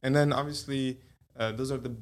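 Speaking fairly quickly, this young Egyptian pediatrician is a guest in a conversational interview. He keeps a flat, even pitch while frequently stumbling, using fillers and beginning his sentences over again.

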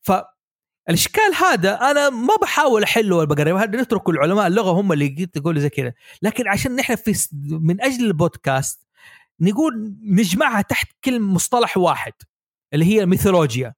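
A man hosting a podcast, explaining ideas in a lively way and asking his guests for their views. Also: high-pitched, fast talker, no room sound, studio quality. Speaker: podcast host. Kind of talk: casual podcast discussion.

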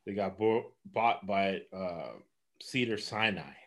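A man's voice: low-pitched, slow. A man from Los Angeles giving casual sports betting picks, rambling and laughing often.

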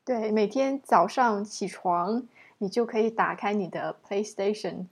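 A woman's voice: medium pitch, measured pace, husky. A woman interviewing someone in a casual, conversational and encouraging way.

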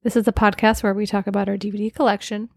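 A woman's voice: mid-range voice, level tone, fast, vocal fry, darkish tone, no echo, studio quality. A woman co-hosting a casual podcast with her husband, chatting and teasing with easy laughs. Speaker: podcast co-host. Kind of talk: casual chat.

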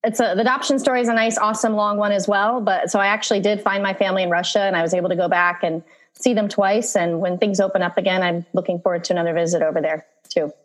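A podcast guest from Virginia, USA, tells stories in a casual interview, her steady, mid-range voice moving fast. She's friendly and easygoing and laughs often.

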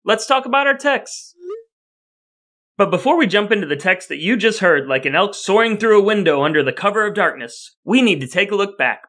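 This podcast host shares the show with his brother, and his high voice sounds pushed and bright. He talks in wordy, mock-grandiose phrasing, shifting between scripted lines and banter.

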